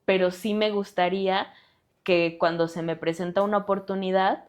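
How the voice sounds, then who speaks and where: A woman's voice: mid-range voice, fairly even intonation, moderate pace. Earnest Mexican woman speaking directly. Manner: earnest, direct, appealing to listeners. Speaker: lawyer and activist guest. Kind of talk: podcast interview.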